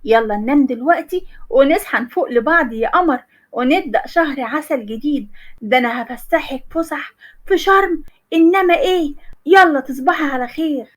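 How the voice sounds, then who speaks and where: A sleepy young husband who loves his bed, sweet-talking his wife in a lazy, drowsy drawl with an Egyptian Arabic accent, as a woman storyteller puts him on. The voice sits high. It is a figure from a spoken storybook. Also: a little fast, lightly acted. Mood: drowsy coaxing. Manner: drowsy, coaxing, affectionate.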